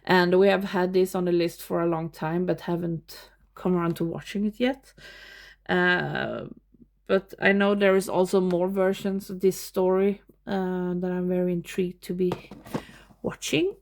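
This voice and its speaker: A Swedish woman with a Swedish accent gives a relaxed show-and-tell of her film collection at home. She talks slowly and unhurriedly in a fairly low voice, and she laughs often between remarks. Her first language is Swedish, though she speaks English here. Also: gravelly. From Sweden. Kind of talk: casual show-and-tell vlog. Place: home room with movie shelves.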